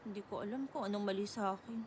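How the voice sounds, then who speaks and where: A woman's voice: medium pitch, quick pace, noisy background, natural voice. A woman dubbing a lonely young woman who sadly wonders why her friends left her out. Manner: plaintive, self-doubting. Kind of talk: Tagalog dub of a drama.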